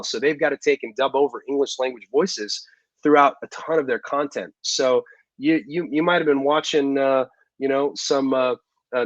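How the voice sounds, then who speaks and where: Joining an interview by video call from his living room, a male actor in his thirties rambles on chattily, with many ums and restarts. His voice sits at medium pitch with no echo, captured by the call's microphone in a dull, dry home recording.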